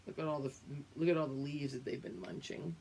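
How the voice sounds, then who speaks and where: This low-sitting female voice comes through a low-quality recording with a bit of background noise. She's a teacher sharing a picture book with small pupils, reading in a drawn-out, expressive way while explaining the story and checking on them.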